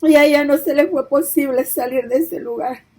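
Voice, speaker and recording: A woman's voice: sits high, normal speed, dark tone, low-quality recording. A woman preacher giving an emotional testimony of a vision, her voice breaking into tears as she pleads and repeats herself. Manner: repetitive, pleading storytelling.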